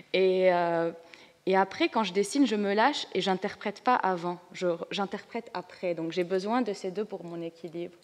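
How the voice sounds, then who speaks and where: A woman's voice: fairly low pitch, moderate pace. A woman with a Lebanese accent, speaking as a panelist in a casual, spontaneous and frank way. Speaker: panelist, comics artist. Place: conference hall. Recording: reverberant lecture hall.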